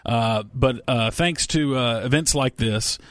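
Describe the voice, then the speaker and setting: A man's voice: medium pitch, a little slow, fairly bright tone, dry recording. A man hosting a casual radio talk show, rambling and joking as he reads listener emails and banters with his co-hosts. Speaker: radio host. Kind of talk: casual sports radio chat.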